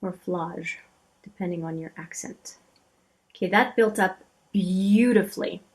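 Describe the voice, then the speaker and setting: A chatty woman giving casual commentary while she swatches makeup. Her voice sits in a middling pitch, and she gushes over shades before dropping into soft, half-muttered asides. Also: normal speed. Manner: chatty, admiring, often trails off into quiet asides. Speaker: beauty channel host.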